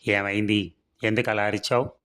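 A man's voice: fairly low pitch, level tone, moderate pace, fairly bright tone, clear, resonant tone, natural voice. A man reading the lines of a suspicious, protective young brother in a storybook serial, asking blunt questions.

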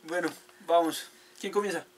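A man's voice: a little high, fairly even intonation, normal speed. A young man casually hosting a challenge vlog. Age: young adult. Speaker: host. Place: small bedroom, indoors. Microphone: camera a short distance away. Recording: faintly noisy home recording.

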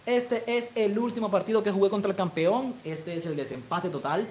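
With a coastal Colombian Caribbean Spanish accent, this young man streams himself calling a football video game match and chatting live with his audience. His high voice moves at a moderate pace and rises sharply for shouted goal calls, over slight background noise.

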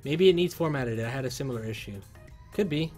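Male livestream host, mid pitch, loose casual chat, faint music behind. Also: brisk. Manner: loose and chatty, bursts of loud excitement. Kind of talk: casual livestream chat, reading viewer comments. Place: PC workshop.

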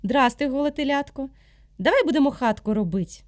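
A woman's voice: high-pitched, animated, a little fast, a little mellow, dry recording, clean studio sound, pitched above the performer's own voice. A woman doing a stubborn talking awl. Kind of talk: storybook character voice.

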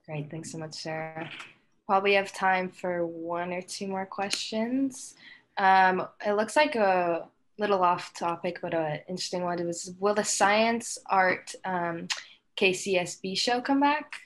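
A young woman moderating an online talk, reading audience questions in a relaxed, slightly hesitant way. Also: lowish voice, a little slow. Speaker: event moderator.

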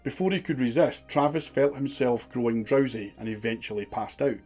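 A man's voice: medium pitch, moderate pace, darkish tone, faint music behind. A man giving scripted documentary narration in a dramatic, suspenseful storytelling manner.

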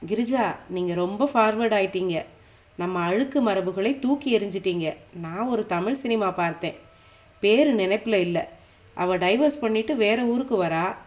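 A woman's voice: medium pitch, lively intonation, measured pace, a little mellow, lightly acted. A woman reading an audiobook voices a chatty, upbeat woman friend.

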